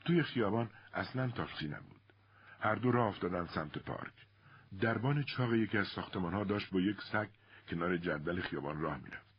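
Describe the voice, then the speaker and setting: A man narrating an audiobook in an expressive storytelling manner. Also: sits low, husky, no room sound, muffled recording.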